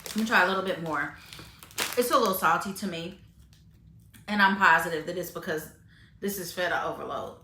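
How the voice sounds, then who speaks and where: Tasting food on camera, a woman vlogs chattily about her grocery finds, her talk full of fillers and restarts. She speaks a little fast in a fairly low, sharp voice with long pauses, and the reverberant audio carries a little hiss or hum.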